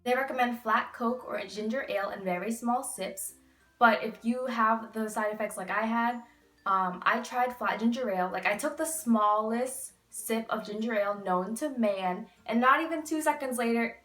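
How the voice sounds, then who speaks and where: A young woman with a fairly high voice talks casually to a camera a little way off in an echoey room. She explains things candidly, with emphatic asides, like a vlogger giving advice. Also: normal speed, fairly bright tone, soft background music. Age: 20s. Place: small bedroom, indoors. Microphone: camera a few feet away. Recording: echoey room, distant microphone.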